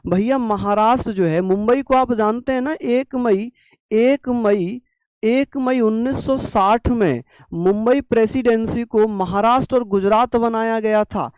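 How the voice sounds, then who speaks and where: A man's voice: very high voice, measured pace, a little mellow, clean tone, no echo. A young man gives an online exam-prep lecture while his throat is sore. He coaxes and scolds the students to keep writing. The recording is close and dry. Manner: coaxing, scolding students to take notes. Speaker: teacher.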